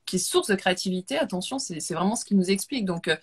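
A woman's voice: medium pitch, expressive, quick pace, husky. A woman hosting a video call webinar, summarizing her guest's points and talking about books. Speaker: webinar host. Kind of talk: casual webinar chat.

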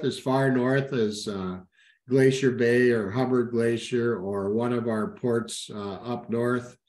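A man's voice: mid-range voice, a little mellow. A middle-aged man, a cruise sales representative, talks through slides in an informal webinar, with many "uh" fillers and self-corrections. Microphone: webcam at a desk, video call. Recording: roomy webinar audio.

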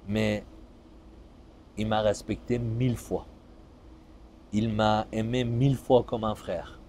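A man in his forties from Iran, a fitness coach, talking in a calm, measured, motivational way. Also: lowish voice, a little hiss or hum. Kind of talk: vlog monologue answering viewer questions. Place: seated on an outdoor terrace, then driving a car.

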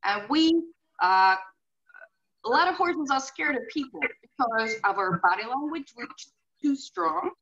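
Speaking as a guest from her home, this middle-aged Finnish woman, a horse behaviorist with a Finnish accent, explains earnestly through examples at a measured pace. Her high-pitched voice is expressive and a bit bright, peppered with "you know," and the video call audio is muffled with a faint hiss.

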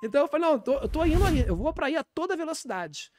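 A brash, shameless apostle holds forth, as a man puts him on in a Brazilian Portuguese accent, deadpan and rambling with churchy asides. The talk races along at a fast clip. It is recorded close on a podcast mic in a dry, dead room. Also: extremely high pitch, no room sound. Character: brash, shameless male pastor calling himself apostle. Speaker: comedian in character as a self-styled apostle. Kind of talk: deadpan comic character monologue on a podcast.

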